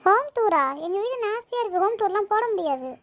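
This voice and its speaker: Sarcastic cartoon girl friend, very high, quick, actor-voiced. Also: animated. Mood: chatty. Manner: mocking, sarcastic.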